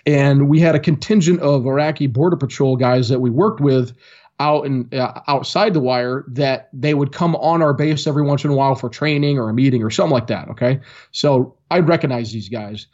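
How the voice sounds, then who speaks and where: A man's voice: brisk, highs cut off. A man, a former Marine guest, telling a story casually and acting out the quoted voices. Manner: animated storyteller, acts out quotes with raised pitch.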